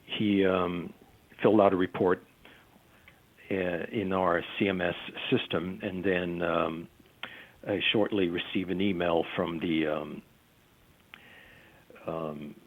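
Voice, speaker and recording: A man working as a UFO field investigator, recounting a case in an interview, halting with many fillers and restarts, and losing his voice. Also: deep voice, fairly even intonation. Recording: tinny phone-line call-in.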